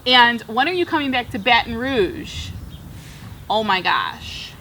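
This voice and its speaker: A plant vlogger in her thirties repots plants outdoors on her backyard patio, chatting in an upbeat way while working with her hands. A camera across the table frames her. Her fairly high voice has lively intonation, a slow pace and a sharp tone, with a little hiss or hum.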